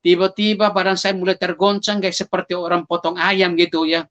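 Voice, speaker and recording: A man's voice: sits high, flat delivery, a little fast, a bit bright, dull audio. A man giving a personal testimony, telling it dramatically and calling his listeners brothers and sisters, acting out his own cries for help in a raised voice. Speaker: testimony speaker.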